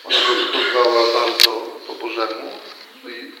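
A man's voice: medium pitch, completely flat delivery, moderate pace, distant mic. A man, a priest, giving an earnest retreat talk, telling a story with frequent restarts and repeated words. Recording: very echoey hall, faint noise.

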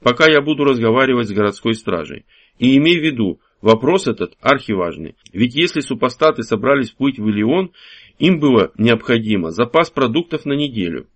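A man voicing a shrewd, good-humoured ancient hero investigating a crime in an audiobook, giving brisk orders. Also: mid-range voice, lively intonation, close to an everyday voice. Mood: commanding.

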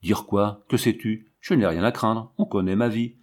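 A man's voice: lowish voice, moderate pace, darkish tone, natural voice. A man reading the part of a scheming adult man who speaks in a condescending, sardonic way in a storybook reading. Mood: defensive.

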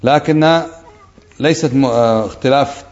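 A man's voice: mid-range voice, moderate pace, a little mellow. Man teaching a lesson. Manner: explanatory, with light humorous anecdotes. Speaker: sheikh teaching a hadith book. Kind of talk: religious lesson commentary. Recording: dull lo-fi lecture recording.

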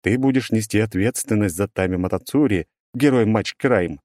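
A man's voice: lowish voice, moderate pace, darkish tone, no echo, clean studio sound, natural voice. A man voicing a huge steel magic golem that drones on in a melancholy, faintly gloating way. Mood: smug. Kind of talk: audiobook reading.

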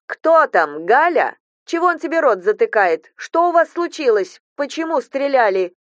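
A shrill, alarmed wife, as a female audiobook reader puts her on, firing off questions in a high, loud, pressing voice. The read is close and dry, with no room around it, like a storybook recording. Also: big pitch swings, no echo. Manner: rapid demanding questions. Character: agitated wife questioning her husband, woman.

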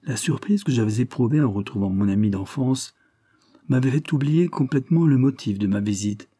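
A man narrating a classic novel in the first person in a measured, even storytelling manner. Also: mid-range voice, no echo, studio quality. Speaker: audiobook narrator.

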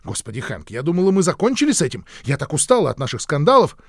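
A man voicing a tired, quarrelsome woman who talks in quick, pleading, exasperated bursts. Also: on the high side, wildly swooping pitch, no echo, studio quality, heavily acted. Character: weary quarrelsome woman, the narrator's lover.

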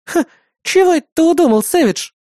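A reader doing Bismarck, shrill bratty young woman. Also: normal speed, darkish tone, no echo, clean studio sound, natural voice. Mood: cocky. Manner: whiny, pleading, bossy. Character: brash childish young woman, a major.

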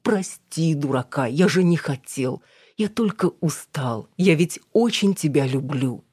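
Whining balding suitor, a middle-aged man who begs and grumbles, read by a low-voiced woman. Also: animated, a little slow, mellow, breathy edge, dry recording, studio quality, exaggerated voice. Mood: pleading. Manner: whining, begging.

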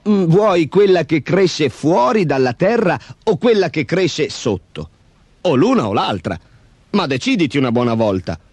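A man voicing a farmer's wife in a storybook, calm, clever and coaxing, in a raised voice. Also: on the high side, unhurried, husky, dry recording, voice pushed up, exaggerated voice.

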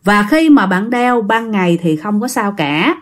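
A woman's voice: medium pitch, animated, measured pace. A woman narrating a listener's ghost story in a chatty way, talking straight to her audience. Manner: chatty, addresses listeners directly.

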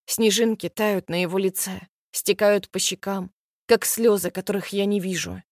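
A woman's voice: medium pitch, fairly even intonation, moderate pace, darkish tone, no room sound, clean studio sound. A woman narrating a romance audiobook in the first person, with tense, breathless storytelling.

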